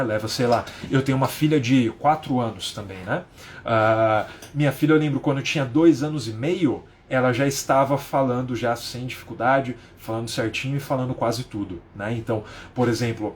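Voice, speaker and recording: A man in his thirties from Brazil teaches a lesson live from home, with a mid-pitched voice. He talks in a chatty way, putting rhetorical questions to his viewers and adding tag questions as he goes. A faint hiss sits under the recording. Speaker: English teacher.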